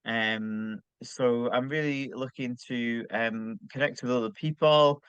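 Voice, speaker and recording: Very slow-talking man, hesitant, smooth clear voice, dry muffled video-call sound. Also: mid-range voice, steady tone, no echo. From United Kingdom. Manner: hesitant, with many ums and uhs. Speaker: artist and coach. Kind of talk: casual self-introduction on a video call.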